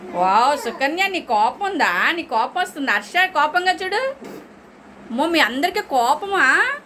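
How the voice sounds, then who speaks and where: High-voiced woman teacher coaxing a class. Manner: coaxing, calling on children by name. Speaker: teacher of young children. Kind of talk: classroom lesson. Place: classroom full of children. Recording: noisy classroom recording.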